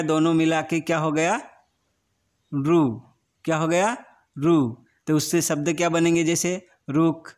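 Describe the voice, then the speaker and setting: A man teaching a grammar lesson to young children, patient and repetitive, often asking whether it is clear. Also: on the high side. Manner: slow and patient, often repeating words and asking if it is understood.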